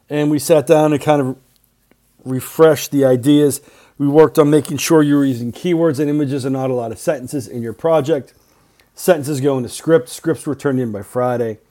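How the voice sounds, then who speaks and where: A man's voice: medium pitch, moderate pace, dark tone. A middle-aged male teacher recording class announcements for his students' podcast, talking in clipped short phrases with earnest reminders.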